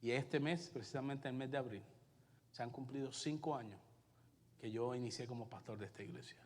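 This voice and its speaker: A male pastor with a Puerto Rican Spanish accent preaching a sermon and telling his own story, alternating loud emphasis with hushed asides. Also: mid-range voice, a little fast, in a large hall, slight background noise. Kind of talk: sermon with personal testimony. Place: church sanctuary.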